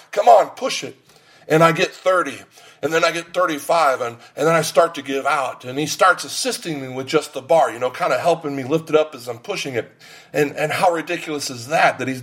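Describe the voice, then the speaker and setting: A middle-aged man preaching a sermon, mixing scripture with jokes and personal stories. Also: a little high. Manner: joking, anecdotal storytelling. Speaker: pastor.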